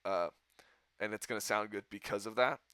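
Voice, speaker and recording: A man with a bright, forceful voice chats casually as a podcast host, telling a long rambling story and laughing often. He sounds close and dry on the mic, with no room sound around him. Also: on the low side, normal speed, smooth, dry recording. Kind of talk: casual chat.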